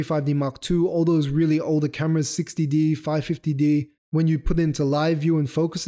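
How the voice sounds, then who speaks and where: With a sore throat and a voice beginning to give out, a young podcast host talks through photography on his solo show. His slightly high voice has a warm tone, and he explains loosely, correcting himself and using fillers.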